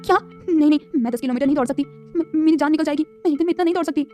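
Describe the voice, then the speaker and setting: A woman's voice: high voice, very fast, dark tone, faint music behind, close to an everyday voice. A woman voicing an exhausted, innocent young secretary who pleads and stammers. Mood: pleading tired.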